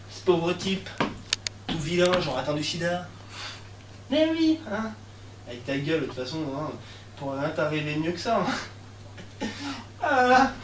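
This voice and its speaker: A young male comedian tells a sketch in rough street slang, now and then erupting into loud shouts. He sounds distant from the mic, in a room with a noticeable echo. A faint hiss sits underneath the recording. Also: high voice. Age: young adult. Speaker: stand-up comedian. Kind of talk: comic monologue sketch. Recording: echoey room, far mic, faint noise.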